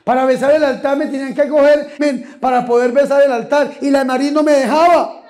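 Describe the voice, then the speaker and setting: High-voiced priest preaching. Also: male voice, fairly even intonation, fairly quick. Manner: emphatic, repeats questions, shouts key words. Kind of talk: lively sermon with call-and-response. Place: church or retreat hall with a congregation. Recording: echoey hall with crowd.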